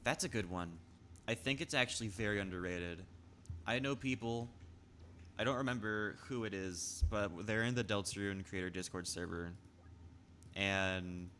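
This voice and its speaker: A man's voice: lowish voice, fairly bright tone, slight background noise. A young man chatting casually on a stream, rambling with frequent stammers and restarts while reading chat.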